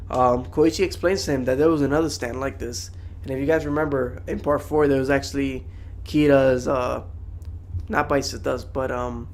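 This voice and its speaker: A man's voice: medium pitch, gravelly. A young man giving a casual, slangy, rambling anime review to viewers.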